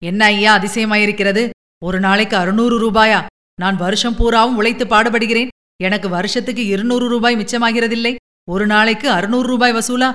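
Woman doing a loud, blunt village farmer. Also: fairly high pitch, fairly even intonation, normal speed, natural voice. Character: plain-spoken adult male village farmer.

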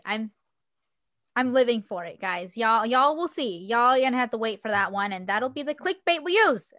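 Woman podcast co-host, reflective and rambling; slightly high voice, dry close sound. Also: a bit bright, dry recording. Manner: rambling, reflective, many fillers. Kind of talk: casual chat.

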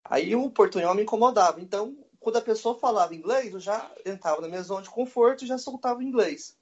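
A man guest in a casual chat, telling stories in a relaxed way and laughing easily. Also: high-pitched, fast, breathy edge. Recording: dull lo-fi audio.

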